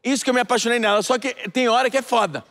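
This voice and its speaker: A man from Brazil telling a stand-up story on stage, acting out each person in it with animated voices. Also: extremely high pitch, racing, gravelly. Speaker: stand-up comedian. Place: theater stage before a live audience.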